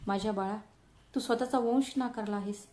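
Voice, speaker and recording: A woman's voice: fairly high pitch, steady tone, a little fast, warm tone, close to an everyday voice. A woman voicing an older mother who speaks to her son in a trembling, tearful way, in a storybook reading. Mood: grieving. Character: grieving older mother, tender and reproachful. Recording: roomy echo.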